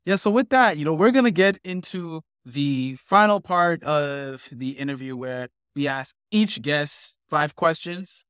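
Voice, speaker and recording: A man hosting a podcast, upbeat, who reacts briefly and then asks his guest the next question. His voice sits fairly high and the recording is dry. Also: animated, measured pace, hardly any pauses, fairly bright tone, clear, resonant tone, no room sound. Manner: upbeat, short reactions before asking questions. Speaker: podcast host. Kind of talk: podcast interview.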